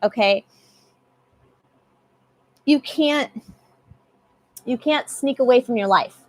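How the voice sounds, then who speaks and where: A young woman talks through a live tarot reading in a loose, chatty way, often saying the same line twice. Her voice sits a little higher than most women's. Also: takes it slowly, a little mellow, dry recording. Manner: chatty, repeats phrases, swears casually. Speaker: tarot reader.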